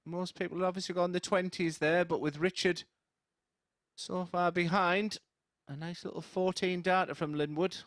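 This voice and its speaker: A man's voice: high-pitched, fairly even intonation, normal speed, fairly bright tone, no echo, studio quality. A man giving casual live darts commentary, bantering in a jokey, self-deprecating way.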